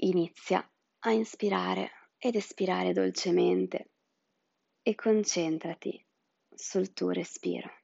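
A woman guiding a meditation in a soft, soothing, breathy voice that often drops into a whisper. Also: on the low side, steady tone, takes it slowly, dry recording, lo-fi sound. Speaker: meditation guide. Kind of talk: guided chakra meditation.

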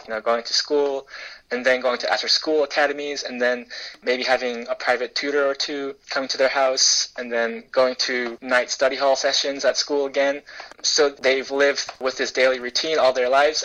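A man's voice: mid-range voice, bright, forceful tone, poor audio. A young man, born in South Korea and raised in the US, answers interview questions as a journalist in a thoughtful way, with frequent fillers and restarts. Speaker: journalist guest.

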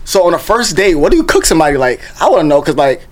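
A young man, co-hosting a casual chat in slangy, excitable, repetitive speech and laughing often. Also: on the high side, rapid-fire. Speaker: podcast co-host.

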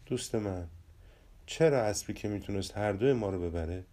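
A patient, long-suffering friend who sighs and gives way, as a man narrating a storybook puts him on. He speaks softly and low, with a dark, mellow tone. It stays close to the storyteller's own voice. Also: natural voice. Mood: resigned. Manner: soft, resigned, sighing. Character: patient, gentle, sighing man friend, Hesam Bek.

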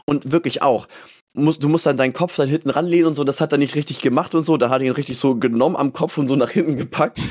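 A man co-hosting a podcast, telling a story casually and animatedly, filling his speech with little tags and acting out his own thoughts. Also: on the high side. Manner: acts out his own thoughts as quoted lines. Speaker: podcast co-host.

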